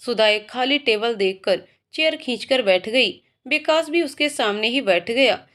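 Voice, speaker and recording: A woman narrating a romantic story in a gentle, even storytelling manner. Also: fairly high pitch, unhurried.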